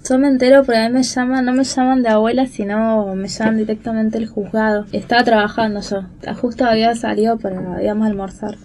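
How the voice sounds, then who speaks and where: A young woman from Córdoba with an Argentine accent, calmly reflecting on her story in an interview. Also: on the high side, fast, hardly any pauses, slight background noise. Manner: calm and thoughtful, with fillers. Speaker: interviewee, found granddaughter.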